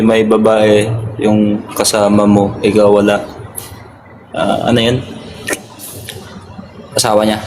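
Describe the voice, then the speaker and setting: A man on duty as a security guard, chatting casually on a phone live stream, politely thanking viewers and laughing often. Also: lowish voice. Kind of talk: casual live-stream chat reading comments. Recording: phone live stream with clear background noise.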